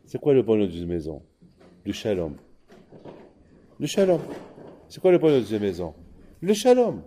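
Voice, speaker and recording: A male preacher telling a story in a sermon, lively and repeating his key points. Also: fairly low pitch, fast, a little hiss or hum. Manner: animated storyteller who repeats key words.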